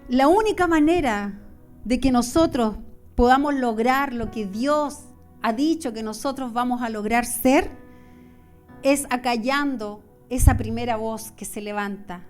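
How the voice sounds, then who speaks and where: A woman's voice: a little high, darkish tone. A woman preaching a sermon, passionate and repetitive, acting out the voices she describes. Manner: impassioned, repetitive preaching with acted-out inner voices.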